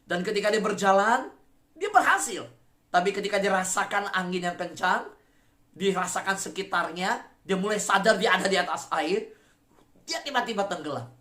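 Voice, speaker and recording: A woman pastor preaching a sermon dramatically, swinging between loud, emphatic peaks and hushed, quiet passages. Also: mid-range voice, lively intonation, moderate pace. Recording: echoey room.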